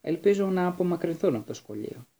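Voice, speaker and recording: A man voicing a calm, wise old headmaster who speaks in an unhurried, quietly amused way while reading a storybook. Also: high-pitched, pitched above the performer's own voice. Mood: dry.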